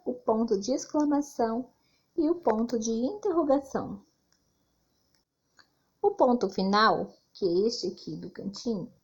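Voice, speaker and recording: Slow, clear Brazilian woman teacher. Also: a little high, warm tone, highs cut off. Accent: Brazilian Portuguese. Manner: slow, clear, explanatory with acted example sentences. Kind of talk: scripted literacy lesson for children.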